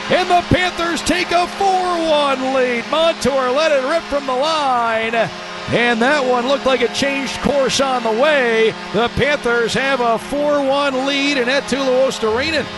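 A man doing rapid, excited hockey play-by-play as a radio announcer, shouting when goals come. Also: very high-pitched. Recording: radio broadcast over loud arena noise. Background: loud arena ambience.

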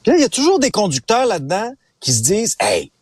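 A man's voice: high-pitched, wildly swooping pitch, fast talker, slightly rough, no room sound. A man from Abitibi with a Quebec French accent, chatting as a radio columnist from his parked car, telling stories and laughing often. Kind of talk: casual radio chat. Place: parked car at a rest stop.

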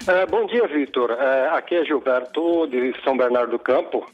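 A man's voice: mid-range voice, lively intonation, moderate pace, faint music behind. A male caller heard over the phone on a radio show, telling his complaint hesitantly and stammering over his words. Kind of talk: casual call-in complaint. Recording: dull phone-line sound on a radio show.

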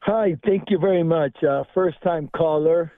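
A man's voice: on the high side, measured pace, no echo. Earnest 60-year-old man over the phone. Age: 60s. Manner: earnest, heartfelt. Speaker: caller. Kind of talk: call-in radio chat. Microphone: telephone. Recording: tinny phone line.

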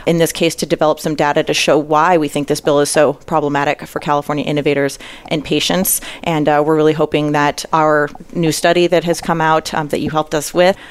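A woman leading a trade association, answering interview questions in a measured, prepared way with occasional filler pauses. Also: low-pitched, little pitch movement, clean tone. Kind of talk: panel interview.

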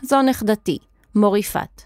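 A raspy bossy old granny put on by a lady reading a kids' story, short clipped orders, dry close sound. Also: mid-range voice, a little mellow, no room sound, close to an everyday voice. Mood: gruff. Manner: terse, gruff commands. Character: old raspy gruff grandmother, curt and commanding. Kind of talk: children's audiobook acting.

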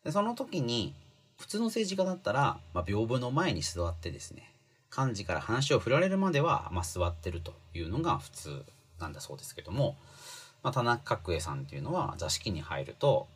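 Husky low-ish guy talking thru a book, lots of fillers, voice jumps around a lot. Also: wildly swooping pitch, brisk. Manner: chatty, many fillers, stressed phrases. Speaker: commentator explaining a book. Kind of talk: casual spoken explainer.

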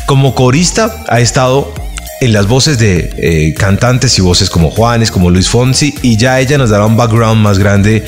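A man hosting a travel podcast interview, talking thoughtfully and pausing with filler sounds while he searches for words. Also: on the low side, expressive, faint music behind. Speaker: podcast host. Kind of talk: conversational interview.

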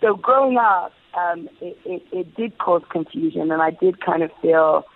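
Heard through a narrow, phone-like line with no room sound, a woman raised in the UK talks at normal speed in a lowish voice. As a casual interview guest she is thoughtful and reflective, frequently starting over and repeating words as ideas form.

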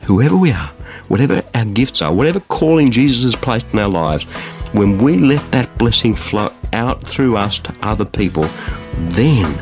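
A man's voice: moderate pace, over music. A man preaching a radio sermon, swinging his voice up and down for emphasis. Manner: animated preaching, dramatic pitch swings on quotes. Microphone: studio microphone.

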